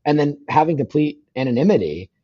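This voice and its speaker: Fast-talking man with a husky voice. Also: a little high, very animated, dark tone, highs cut off. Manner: fast-talking, rambling with many fillers and restarts. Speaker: podcast guest. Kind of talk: casual podcast conversation. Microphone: phone call.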